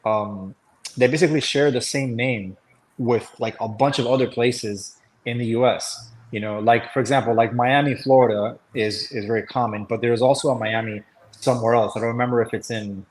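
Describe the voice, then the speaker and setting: A man's voice: mid-range voice, fairly even intonation, normal speed, darkish tone, poor audio. A man talking in a loose, rambling way on a casual call, with many fillers and restarts. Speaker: webinar host. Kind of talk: casual chat.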